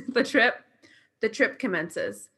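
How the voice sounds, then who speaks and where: A woman's voice: on the high side, huge pitch swings, takes it slowly, fairly bright tone, breathy edge. A woman co-hosting a chat show, telling a trip story in a laid-back way, swearing freely.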